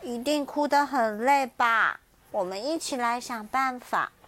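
A woman's voice: a little high, measured pace, a bit bright. A woman voicing a kind little bear in a children's story, tender and comforting.

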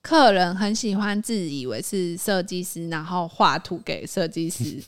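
A woman, co-hosting a casual chat podcast and telling stories from her design work with lively, acted-out quotes. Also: on the low side, a little slow, clean tone. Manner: animated storyteller, acts out quoted people. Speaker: podcast co-host.

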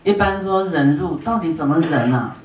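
Buddhist nun lecturing in a roomy hall. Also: female voice, deep voice, expressive, background noise. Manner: unhurried, with many drawn-out "ah" fillers; asks the audience questions and to raise hands. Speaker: Buddhist dharma teacher. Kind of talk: dharma lecture to an audience. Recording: roomy hall sound, voice from a distance.

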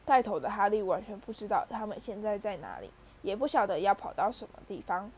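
A woman reading a storybook aloud as narrator, lively and voicing the characters. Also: mid-range voice, brisk, breathy edge. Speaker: audiobook reader.

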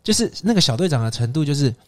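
A man co-hosting a podcast, telling a story in casual chat, animated and acting out the quotes with bursts of laughter. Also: on the high side, rapid-fire. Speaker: podcast co-host.

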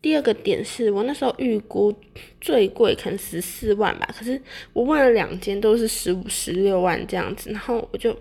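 A woman's voice: medium pitch, brisk, gravelly, darkish tone, breathy edge. A young adult woman with a Taiwanese accent chats casually to viewers in a rambling monologue, often repeating words and correcting herself. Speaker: vlogger sharing personal experience.

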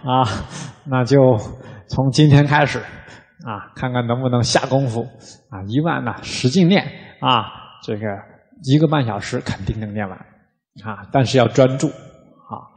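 A man, a Buddhist monk, gives a casual, conversational dharma talk, often opening his phrases with a drawn-out "ah" and sometimes chanting quickly in rhythm. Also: medium pitch, long reverb tail. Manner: demonstrates rapid rhythmic chanting.

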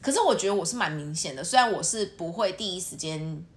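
A young woman with a Taiwanese Mandarin accent chats casually on a podcast. Her voice sits a little low but rises and falls widely. She talks quickly, with lots of animation. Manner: animated, acts out quoted lines in a higher voice. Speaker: podcast co-host. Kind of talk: casual chat.

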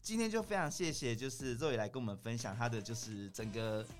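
A man's voice: medium pitch, very animated, fast, faint music behind. A man with a Taiwanese Mandarin accent co-hosting a podcast in casual chat. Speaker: podcast co-host.

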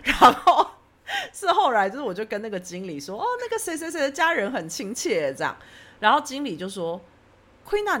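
A lively, fast-talking podcast host with a medium-pitched voice tells a story in casual chat, animatedly acting out her own past lines.

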